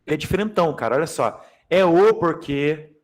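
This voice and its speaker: A man from Brazil teaching Portuguese grammar in a lively exam-prep class, joking and talking straight to his students. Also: fairly high pitch, fairly quick. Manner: animated, jokey, addresses class directly.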